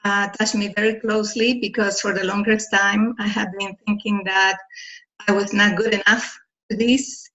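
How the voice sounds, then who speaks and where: An older woman on a group video call giving heartfelt testimony in an earnest, deliberate way, with hesitant fillers. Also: medium pitch, flat delivery, a bit bright. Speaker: team member on a group call. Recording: dull, lo-fi video call audio.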